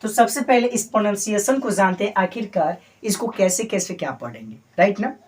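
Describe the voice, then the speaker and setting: A man's voice: high voice, animated, fairly quick. A male English teacher giving a Hindi-language lesson, drilling letters by repeating them and prompting the class with rhetorical questions.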